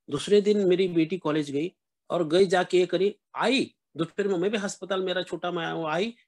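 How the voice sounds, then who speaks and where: A middle-aged man from Maharashtra, earnestly sharing his recovery story with a meeting. He keeps calling his listeners friends and mixes in English words. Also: high voice. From Maharashtra, India.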